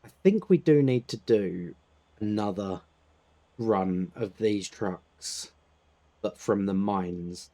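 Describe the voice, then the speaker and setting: Brief: laid-back British male gamer, low and warm, chatting over gameplay. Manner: laid-back, laughs often, clears throat. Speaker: gaming channel host. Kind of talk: casual gameplay chat.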